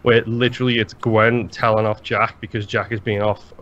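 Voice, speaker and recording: A man co-hosting a podcast in casual chat, rambling and animated, swearing freely. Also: on the low side, normal speed. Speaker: podcast co-host. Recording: slightly dull lo-fi sound.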